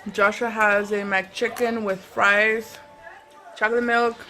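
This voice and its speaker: A woman's voice: mid-range voice, flat delivery, takes it slowly, pushed and bright. Woman chatting casually over a meal. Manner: talking while eating. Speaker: vlogger and mother. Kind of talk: casual chat to viewers.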